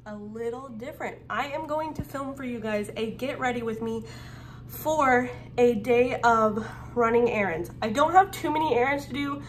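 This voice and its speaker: Young mom vlogger, bright-ish voice, casual and rambling, phone-filmed at home with faint air-conditioner hum. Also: female voice, on the high side. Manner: chatty, rambling, with fillers and restarts. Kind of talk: casual get-ready-with-me vlog. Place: home, by a small guest bathroom. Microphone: phone held at arm's length. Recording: home vlog with faint fan noise.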